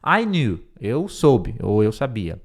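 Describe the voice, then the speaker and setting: Lively man teaching English. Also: lowish voice, creaky. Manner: explains slowly, repeats words, many fillers. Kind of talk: line-by-line English lesson.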